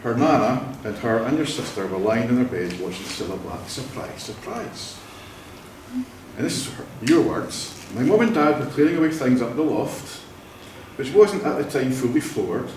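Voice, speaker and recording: Scottish guy doing a vow renewal, lively up-and-down voice, bit far from the mic in a boomy church. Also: normal speed, a little hiss or hum. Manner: jovial, laughs often while telling stories. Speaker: wedding celebrant. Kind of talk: ceremony speech with anecdotes. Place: church hall. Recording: echoey room, mic at a distance.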